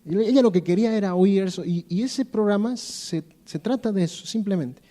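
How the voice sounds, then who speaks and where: High-voiced mellow male preacher. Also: brisk. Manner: repeats phrases for emphasis, addresses listeners directly; storytelling with many fillers and restarts. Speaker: pastor. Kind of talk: conversational sermon. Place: church.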